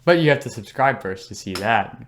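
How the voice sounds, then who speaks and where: A man's voice: lowish voice, lively intonation, a little fast, noisy background. A young man co-hosting a casual podcast chat, enthusiastic and slangy, teasing his co-host.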